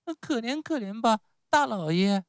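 A man voicing a small wooden puppet boy who pleads and then speaks up bravely, in a thin, high voice. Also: lively intonation, normal speed, clear, resonant tone, no echo, studio quality. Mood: pleading.

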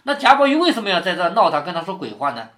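A man's voice: high voice, sing-song, rapid-fire, fairly bright tone. A man reading a classic novel aloud to his daughter, stopping to explain passages and ask her questions. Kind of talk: storytelling with commentary.

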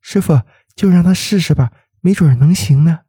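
A man's voice: a little high, moderate pace, dark tone, husky, no room sound, clean studio sound, voice pushed up. A man voicing an anxious woman doctor in a spoken ghost story, urgent and pleading. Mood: insistent.

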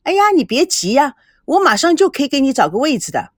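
Voicing a cheeky, self-proclaimed beauty, a young Taiwanese woman who is brash, teasing, playful and bossy, a woman performs in an audio story. Her high voice is pushed up and swings widely in pitch, delivered fast in a dry, clean studio recording.

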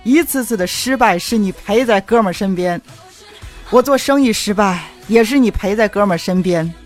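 A man doing Lao Wang, a loud emotional buddy. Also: high-pitched, animated, a little fast, soft background music. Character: excitable, grateful middle-aged man, Lao Wang.

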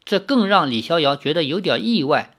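An expressive reader telling a martial-arts novel with lively, swinging intonation. The narration moves up and down freely in pitch, in a storytelling manner. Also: brisk. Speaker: audiobook reader.

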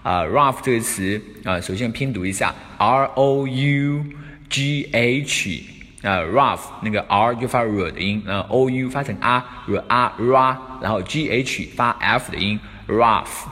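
A man's voice: mid-range voice, measured pace, bright, forceful tone. A man hosting a spoken English lesson, explaining step by step with many fillers. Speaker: English teacher and host. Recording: long room reverb.

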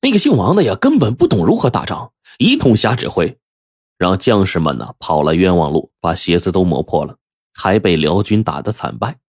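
A man tells a traditional story in a deep, husky voice. His pitch swings widely as he narrates with lively colloquial flair. The close mic sounds dry. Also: moderate pace, no echo.

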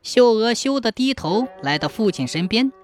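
A storyteller narrating a folk tale in a dramatic, expressive manner. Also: mid-range voice, normal speed, faint music behind.

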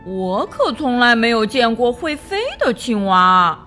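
High little boy frog, doubtful and blunt, storybook, voiced by a woman, lively pitch. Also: slow pace, soft background music, full character voice. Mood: curious. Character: skeptical sensible male frog friend.

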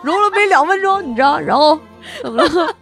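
A woman's voice: high-pitched, fairly quick, creaky, faint music behind. A woman, co-hosting a casual chat podcast. She tells stories with lots of laughter and acts out the quotes, while getting over a cold. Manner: animated storyteller, laughs often, acts out quotes. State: recovering from a cold. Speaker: podcast co-host.

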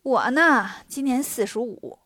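A woman's voice: fairly high pitch, expressive, unhurried, fairly bright tone, no room sound, clean studio sound. A woman voicing a middle-aged rich widow in a storybook, talking in a coaxing, persuasive way.

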